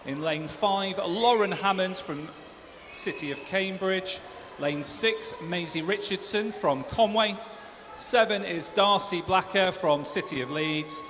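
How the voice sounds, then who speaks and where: A high-voiced man announces races in a formal, orderly style. His voice carries with long reverb through a large hall, with background noise clearly audible. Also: slow, a bit bright. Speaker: swim meet announcer and commentator. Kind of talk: formal race announcing, listing lanes, names and results. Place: large indoor swimming pool hall.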